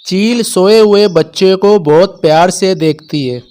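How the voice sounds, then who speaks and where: A man tells a children's cartoon story in calm, steady narration. His pace is unhurried and his voice sits fairly high for a man. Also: smooth.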